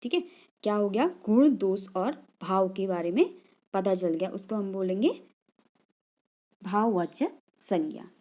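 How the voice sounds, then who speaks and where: In dull-sounding audio, a woman leads an exam-prep grammar lesson in an animated, medium-pitched voice, speaking unhurriedly and pausing often. She repeats key terms, asks rhetorical questions, and frequently tags "ठीक है" ("okay").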